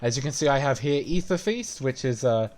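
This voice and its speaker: A man's voice: medium pitch, animated, a little fast, a little mellow. Casual rambling male game streamer. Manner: casual, rambling, swears and restarts often. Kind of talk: gameplay commentary.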